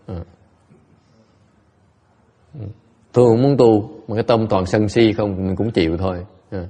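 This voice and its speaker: A middle-aged man giving a relaxed bilingual Buddhist dharma talk to his students, often repeating words and laughing. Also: on the low side. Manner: repeats his words, laughs, switches between two languages. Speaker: Buddhist teacher.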